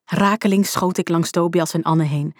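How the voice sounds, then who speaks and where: Lively woman narrating a storybook. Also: on the low side, moderate pace, no echo, clean studio sound. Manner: lively, vivid first-person telling. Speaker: audiobook narrator.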